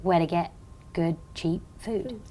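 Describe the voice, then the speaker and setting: Give me a bubbly British woman telling a story in a lower voice. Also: slow pace, mellow, a little hiss or hum. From Britain. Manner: bubbly, tumbling storyteller with many restarts. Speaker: magazine editor, guest. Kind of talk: lively interview chat.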